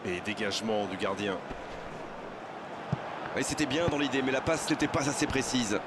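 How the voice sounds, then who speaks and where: A man playing an excitable football match commentator, calling play in short exclamatory bursts of excited sports commentary. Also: mid-range voice, normal speed, heavy background noise, close to an everyday voice. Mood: keen, watchful.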